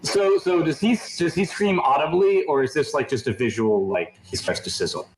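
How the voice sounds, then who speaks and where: A man's voice: fairly high pitch, normal speed, a crowd in the background, poor audio. A man chatting casually about rules and actions as a tabletop game player.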